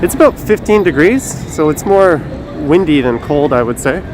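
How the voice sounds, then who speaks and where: A man's voice: a little high, animated, moderate pace. Masked man live-streaming on a noisy street. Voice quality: speaking through a face mask. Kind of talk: casual live-stream chat. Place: outdoors in a windy downtown city square. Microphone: phone on a gimbal. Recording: noisy windy city street, traffic.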